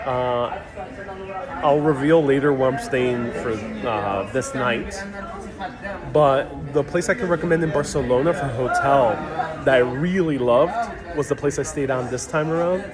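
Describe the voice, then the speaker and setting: A New York City man hosts a casual live travel Q&A, reading viewer comments aloud and answering in an easygoing, joking way. His medium-pitched voice is unhurried and comes through a phone livestream mic over music, with crowd chatter around the stream.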